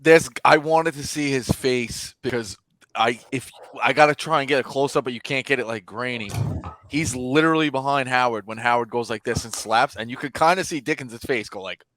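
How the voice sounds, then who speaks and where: Animated male sports podcast co-host. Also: medium pitch, brisk, no room sound. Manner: animated storyteller, mimics people mid-story. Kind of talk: casual sports chat.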